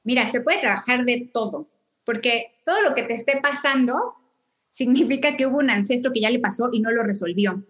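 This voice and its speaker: A woman's voice: fairly high pitch, a little fast. Woman explaining with analogies. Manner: explains with homely analogies, animated. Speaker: guest, family constellations practitioner. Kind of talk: casual explanatory chat.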